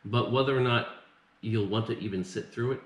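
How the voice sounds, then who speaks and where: A man's voice: mid-range voice, a little fast. A man in his forties talking casually as the co-host of a home film review. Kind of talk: casual chat. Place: open living and dining room at home. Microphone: camera mic a little way off on the table. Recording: echoey room, faint background noise.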